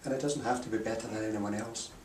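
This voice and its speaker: A therapist guiding a client through a session in short phrases and questions, calm, encouraging and affirming. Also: medium pitch, fast. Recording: echoey room, distant mic, faint noise.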